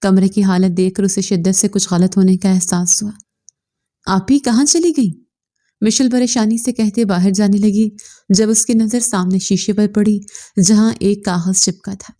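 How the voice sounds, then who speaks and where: Mellow woman reading a romance novel. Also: mid-range voice, flat delivery, moderate pace. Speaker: narrator.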